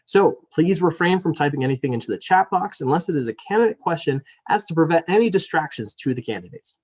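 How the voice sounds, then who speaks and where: A man's voice: on the high side, animated, quick pace. A young man, a student elections director, moderating a debate over a video call. He is apologetic and chatty with many fillers, then reads the rules formally. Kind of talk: moderating a live virtual debate.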